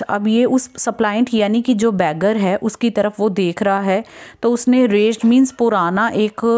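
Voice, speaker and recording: Woman English teacher, bilingual Hindi-English exam-prep lesson, reads lines slowly, explains patiently, checks in often. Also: medium pitch, a little mellow. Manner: checks in with listeners often ("theek hai").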